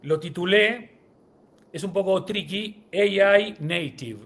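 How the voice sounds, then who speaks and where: Man, live podcast co-host, energetic, slightly high pitch. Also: slow. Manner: energetic, greets viewers and runs a word game. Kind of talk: live-streamed podcast chat.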